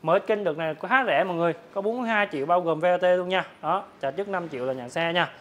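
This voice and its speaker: A man, a motorbike dealer, giving a hard-sell promotional sales pitch to viewers, repeatedly rattling off prices. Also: racing, a bit bright, muffled recording. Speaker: motorbike dealer presenting his stock. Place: large open-sided metal-roofed motorbike warehouse.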